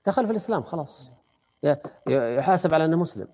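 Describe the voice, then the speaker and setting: A man's voice: a little high, sing-song, racing, dark tone. A man teaching a study circle, explaining a classical text conversationally and quizzing his students.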